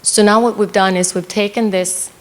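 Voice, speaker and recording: A woman's voice: medium pitch, fairly even intonation, moderate pace. A woman from Sweden in the audience of a panel discussion, earnestly giving a long background before her question. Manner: earnest, explains at length before asking. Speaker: audience member asking a question. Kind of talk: panel Q&A, speaking from the floor. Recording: reverberant conference hall.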